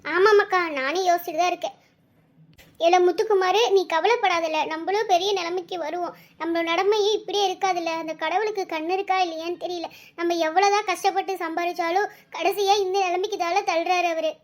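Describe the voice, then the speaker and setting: A woman's voice: very high-pitched, steady tone, brisk. A woman voicing a caring, emotional village mother in a cartoon family drama. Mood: tearful. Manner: affectionate, tearful, talks in long runs.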